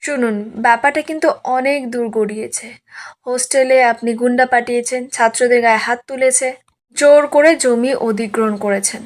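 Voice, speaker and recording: Woman doing a calm male police officer, measured, cautioning, higher voice. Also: natural voice. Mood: warning. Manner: measured and warning.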